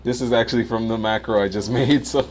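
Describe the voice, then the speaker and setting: This Miami-born American man chats casually while livestreaming and commentating on a game, with music and game sounds behind him. He talks fast in a medium-pitched voice with fairly even intonation.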